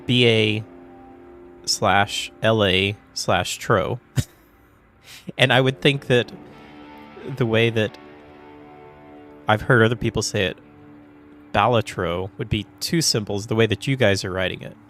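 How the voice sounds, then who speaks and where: A man chatting casually on his gaming livestream, rambling and confused, with frequent chuckles and throat clearing. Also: medium pitch, a little fast, long pauses. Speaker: livestream gamer. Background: soft background music.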